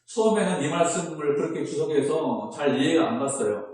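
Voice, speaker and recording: A man's voice: fairly high pitch, animated, fairly quick, darkish tone. Man, pastor, sermon, rhetorical questions, church hall, heavy echo, distant mic. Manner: preaching with rhetorical questions to the congregation. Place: church sanctuary. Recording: echoey hall, voice from far off.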